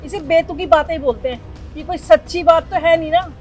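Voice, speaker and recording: A woman's voice: very high voice, moderate pace, faint music behind. A woman playing an earnest, indignant neighbor. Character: hurt, dignified neighbor woman, heavyset.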